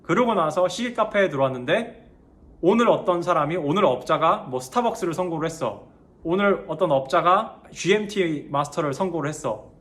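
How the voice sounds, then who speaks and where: Quick, slightly high-voiced man; animated, emphatic casual storyteller. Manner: animated, swings between polite and blunt speech, emphatic. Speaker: speaker sharing a personal story.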